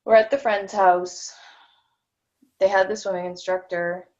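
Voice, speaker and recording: During a tapping session demonstration, a woman softly echoes phrases and falteringly shares a childhood memory, often restarting mid-sentence. Her mid-range voice barely varies in pitch and moves a little slowly, captured in dull lo-fi audio.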